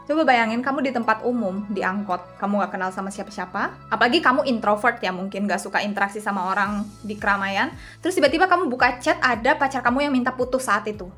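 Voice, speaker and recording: Young female vlogger, casual chatty delivery straight to viewers, fairly high voice, faint music under her. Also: fast, fairly bright tone. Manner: chatty, addresses viewers directly. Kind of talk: casual talk to camera. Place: seated indoors at a camera with a lamp. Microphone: camera and phone in front.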